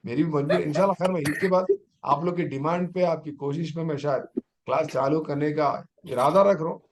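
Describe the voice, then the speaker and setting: A man's voice: fairly high pitch, brisk, noisy background. A middle-aged man, a teacher trainer giving an online exam-prep lecture and urging his students on with rhetorical questions.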